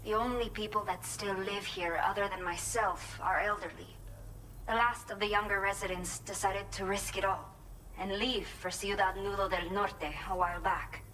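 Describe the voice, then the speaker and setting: A weary but determined ex-bandit mother-to-be , voiced by an actress in a video game, speaking with a Mexican accent. Her delivery is earnest and measured, at an ordinary mid pitch. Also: steady tone, sharp tone, a little hiss or hum, lightly acted, poor audio. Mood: troubled. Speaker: game character giving delivery orders.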